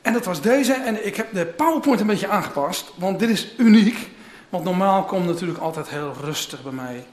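A man's voice: high voice, lively intonation, moderate pace. A man preaching, reading a scripture passage aloud and giving dramatic voice to the speakers in it, then starting his sermon. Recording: echoey room.

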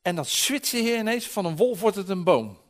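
A man in his forties preaching a sermon, telling stories lively and acting out voices, often restarting his words. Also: sits high, brisk. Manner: lively storytelling with acted-out voices; frequent restarts and repeated words.

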